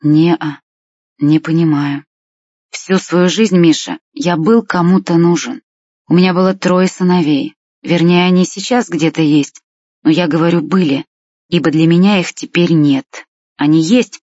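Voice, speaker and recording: A reader voicing a tearful sixty-year-old village man who talks slowly and sighs with grief, in a husky voice. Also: mid-range voice, darkish tone, no room sound, natural voice. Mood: grieving. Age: 60s. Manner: slow, sighing, heavy with grief. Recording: dull lo-fi dry recording.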